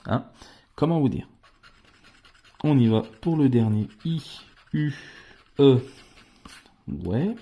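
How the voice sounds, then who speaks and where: This scratch-card channel host has a mid-range voice with lively intonation and vocal fry, speaking slowly with long pauses. He chats with viewers as friends in casual vlog commentary, spelling out each letter as he scratches. The audio is lo-fi.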